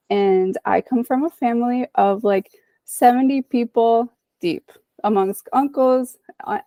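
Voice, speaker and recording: Heard in a dry recording, this woman's voice is fairly high-pitched and warm with vocal fry. She is in her thirties, from the Dominican Republic, and reflects as a guest psychologist in a podcast interview, frequently tacking on "right?" and "you know."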